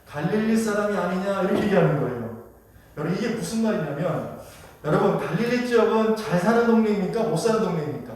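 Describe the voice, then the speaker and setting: A man's voice: high voice, expressive, fast, darkish tone. Male pastor, sermon, questions to the congregation, distant mic, very echoey hall. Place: church sanctuary. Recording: echoey church hall from far off.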